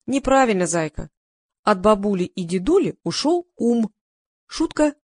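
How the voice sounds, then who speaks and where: A woman's voice: mid-range voice, very animated, unhurried, no echo, studio quality. A woman voicing a jokey, pushy male film director in an audiobook, teasing and clowning. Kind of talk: audiobook reading.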